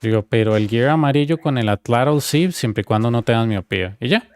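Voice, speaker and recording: Costa Rican guy on a game stream, mid-pitched voice, retells drama and acts out the other people's lines. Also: a little fast, a little hiss or hum. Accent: Costa Rican Spanish. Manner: animated storytelling, acting out quoted dialogue. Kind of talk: casual gaming stream chat.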